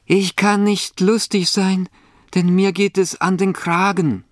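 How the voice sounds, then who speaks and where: A man voicing a worn-out, fearful old cat in a children's storybook, speaking slowly and plaintively. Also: high voice, little pitch movement, no room sound, clean studio sound, voice pushed up. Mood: mournful.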